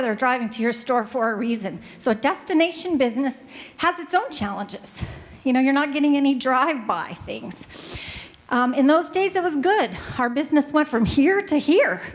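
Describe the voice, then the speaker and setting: A middle-aged woman with a Pacific Northwest American accent, speaking on a business panel into a handheld microphone in a hotel ballroom, chatty and quick, joking with the audience. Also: high voice. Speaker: panelist, music store owner. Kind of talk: panel talk to a live audience.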